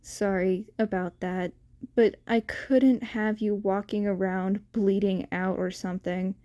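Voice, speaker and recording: A woman's voice: mid-range voice, fairly even intonation, a little slow, mellow, voice pushed down, natural voice. A woman reading as a tired, dry teenage boy.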